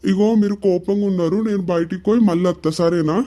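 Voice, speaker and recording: A woman voicing a fearful, tearful adult village husband in a cartoon, pleading softly in a Telangana accent. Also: fairly low pitch, steady tone, quick pace, lightly acted. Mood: timid, pleading. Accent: Telangana Telugu. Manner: pleading, fearful, soft-spoken. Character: timid weepy village husband, adult man. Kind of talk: cartoon voice acting.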